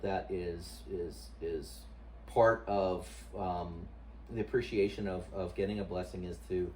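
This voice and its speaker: A man with a fairly low voice gives casual interview answers as a husband. He speaks haltingly, often repeating words while he looks for the next one. The mic is some way off, with a little background noise. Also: darkish tone. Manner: hesitant, searching for words, repeating himself. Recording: distant mic, noisy room ambience.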